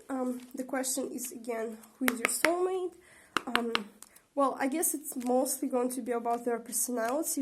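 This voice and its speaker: Young female tarot vlogger, slightly high voice, recovering from a sore throat, chatty, rambling. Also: noisy background. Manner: rambling, chatty, many fillers and laughs. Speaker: tarot reader and channel host. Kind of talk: casual tarot reading vlog.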